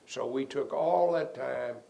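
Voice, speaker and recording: A man's voice: mid-range voice, measured pace, dark tone. An older man, a defense lawyer, telling rambling anecdotes in an interview and chuckling at his own stories. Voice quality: gravelly.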